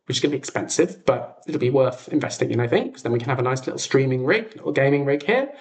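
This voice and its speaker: A man hosts a livestream from a makeshift setup at home, his medium-pitched voice expressive and quick in the echoey, untreated room. He's an audio drama creator, chatting casually in a rambling, self-deprecating way.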